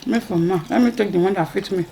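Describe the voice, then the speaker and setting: A woman's voice: mid-range voice, fast talker, gravelly, warm tone, a little hiss or hum. A woman with a West African accent in casual, bantering chat as she eats soup, often repeating herself and humming between phrases. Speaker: wife in a couple's mukbang video.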